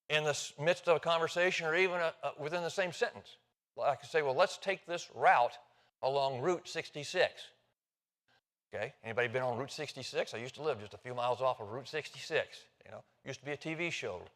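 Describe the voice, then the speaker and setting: Older male preacher in his sixties, average pitch, folksy and chatty, ribbing the congregation while he teaches. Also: a bit bright. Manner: chatty, self-interrupting, jokes with the congregation. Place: church sanctuary.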